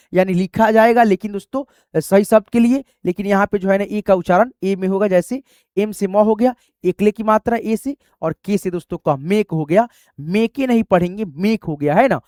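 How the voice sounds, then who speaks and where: A man's voice: high-pitched, darkish tone, dry recording, clean studio sound. A man teaching an online lesson, spelling English words letter by letter and quizzing viewers with repeated friendly fillers. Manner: repeats "doston" and "theek hai", quizzes the viewer.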